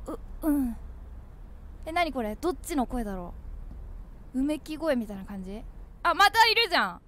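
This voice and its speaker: A young woman playing a horror game, her voice high and bright as it jumps all over. She talks to her viewers in animated, jumpy reactions, on a desk mic with a faint hiss behind her. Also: normal speed. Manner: animated, jumpy, refers to herself by name. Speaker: game streamer. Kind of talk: horror game let's play commentary.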